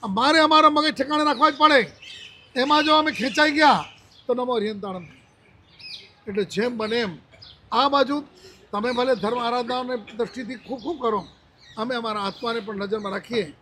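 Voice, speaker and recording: A man's voice: very high voice, moderate pace, pauses often, sharp tone, a little hiss or hum. A man in his seventies, a monk giving a religious discourse, telling a personal story and acting out the dialogue he quotes. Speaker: Jain monk.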